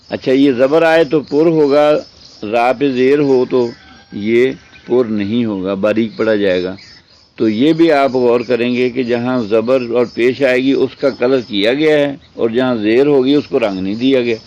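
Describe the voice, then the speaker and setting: A man teaching a tajweed lesson. He explains step by step, asks and answers his own questions, and draws out the recited words slowly. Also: medium pitch, a little mellow, lo-fi sound. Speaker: Quran teacher.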